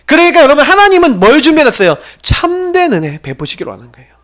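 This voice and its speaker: A man's voice: very high-pitched, fast. A man preaching a sermon as pastor, telling the story with emphasis and asking the congregation rhetorical questions. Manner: animated storytelling delivery.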